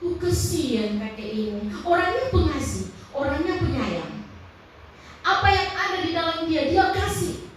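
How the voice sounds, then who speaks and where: Woman pastor w manado accent preaching, high voice, gets emotional, big rises, v echoey hall from far off. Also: big pitch swings, a little slow, slight background noise. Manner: emotional, testimony-driven preaching with sudden high emphatic rises. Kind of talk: sermon.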